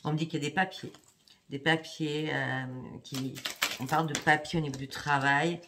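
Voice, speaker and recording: A woman's voice: low voice, moderate pace. A woman doing a tarot reading for her viewers, speaking in a chatty way and often checking in with "hein" and "d'accord". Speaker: psychic card reader. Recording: steady background noise with clicks.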